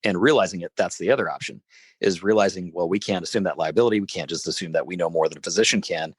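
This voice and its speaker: A man, a family doctor as a podcast guest, telling a story in a measured way with frequent restarts. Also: deep voice, slightly rough, no room sound. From Southern California. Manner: measured, many restarts and repeated words.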